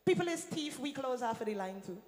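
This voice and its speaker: A woman from Guyana with a Guyanese accent, a singer talking to a festival crowd from the stage, lively and calling out to the audience. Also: high voice, brisk. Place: large venue on stage. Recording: echoey hall with long reverb.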